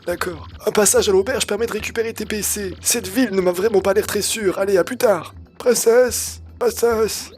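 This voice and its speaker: A man's voice: sits high, moderate pace, few pauses, a little mellow, soft background music, close to an everyday voice. A man voicing a very old, fretful, scatterbrained guardian in an exclamatory video game read-aloud. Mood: weary, calling.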